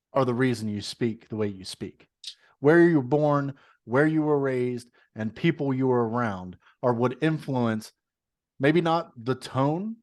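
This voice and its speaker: A man's voice: medium pitch, darkish tone. A man co-hosting a podcast with a slight Texas twang, talking bluntly and profanely in casual chat. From moved to Texas. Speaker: podcast co-host.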